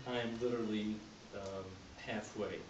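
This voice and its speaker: A man from Egypt giving a candidate speech to a community group, talking in a halting way with many fillers and restarts. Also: lowish voice, steady tone, lo-fi sound. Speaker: board candidate. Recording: roomy hall, mic at a distance, background noise.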